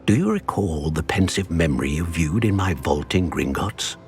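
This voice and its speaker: An ancient wizard as a wise mentor in a video game. The voice is low and moves widely in pitch, with grave, formal phrasing. Faint music plays underneath. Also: male voice, lively intonation, normal speed. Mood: solemn, wise. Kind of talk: scripted game dialogue.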